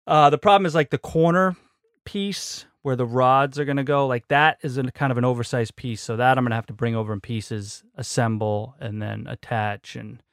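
A man's voice: mid-range voice, fairly even intonation, moderate pace, no echo, studio quality. Man talking from inside a small closet. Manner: rambling, chuckling, filler-heavy. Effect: recorded inside a small closet. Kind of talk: casual chat.

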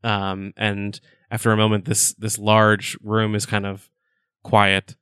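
Male game master, rambling narration, smooth low voice, dry sound. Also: monotone, takes it slowly, fairly bright tone, no echo. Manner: rambling, filler-heavy narration.

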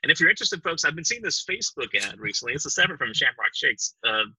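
A man co-hosting a comedy podcast, riffing in a deadpan, mock-promotional way. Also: a little high, quick pace, slightly rough, dry recording, low-quality recording. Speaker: podcast co-host.

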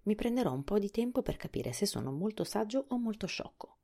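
A woman's voice: mid-range voice, very animated, fairly quick, dark tone, pitched above the performer's own voice. A woman voicing a pumpkin-headed man come to life in a storybook, speaking seriously and earnestly. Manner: serious, mildly reproachful.

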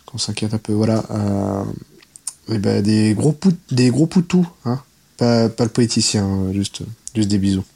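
A man's voice: fairly low pitch, unhurried, creaky, mellow, slight background noise. A man leaving a voicemail, hesitant and full of trailing fillers. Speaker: caller.

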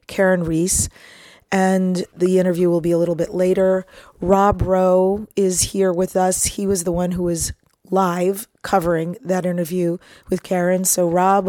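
A woman hosting a radio talk show, chatting casually with a hoarse, husky voice. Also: on the low side, warm tone, no room sound, studio quality. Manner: chatty, laughing, informal. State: hoarse, recovering voice.

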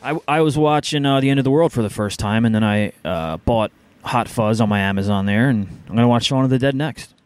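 A man co-hosting a podcast, trading casual banter. He delivers his teasing in a dry, deadpan tone, with a mid-range voice. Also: mid-range voice, brisk, clear, resonant tone. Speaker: podcast co-host. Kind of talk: casual chat.

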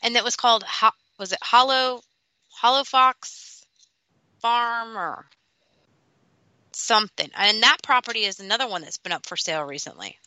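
A woman's voice: on the high side, normal speed, long pauses, bright, forceful tone, rough recording. A woman hosting a paranormal radio show in casual, conversational chat.

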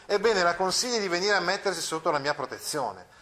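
A man's voice: high-pitched, lively intonation, brisk, sharp tone. A man reading aloud the lines of an arrogant nobleman who makes a false, condescending offer. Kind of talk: reading a novel aloud in class.

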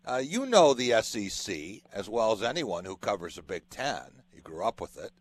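A man's voice: lowish voice, very animated, moderate pace. A male sports radio host interviewing a guest. His voice rises and falls a lot as he spells out long hypothetical scenarios step by step.

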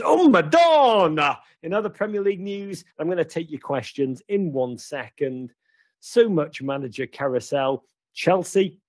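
A man's voice: mid-range voice, a little mellow, no echo. A man hosting a football podcast, giving casual news commentary with wry, playful asides. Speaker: podcast host.

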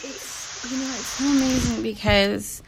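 A woman host in a casual spiritual chat, who talks softly and gratefully with many fillers. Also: fairly high pitch, steady tone, measured pace, a little hiss or hum.

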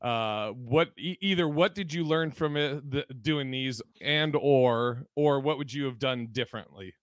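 A man's voice: mid-range voice, measured pace, dry recording. Laid-back, profane male podcast host. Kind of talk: casual podcast chat.

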